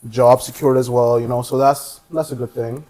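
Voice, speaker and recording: A man's voice: mid-range voice, steady tone, normal speed, dark tone, rough recording. A young man as a podcast guest, rambling along and filling his talk with "you know". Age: young adult. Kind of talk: casual chat.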